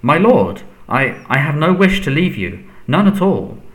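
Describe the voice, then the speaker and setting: A man voicing a nervous, servile, cowardly henchman in a storybook, stammering and pleading in a squeaky voice. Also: sing-song, a little fast, reverberant, lightly acted, rough recording. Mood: panicked, pleading. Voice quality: squeaky when agitated.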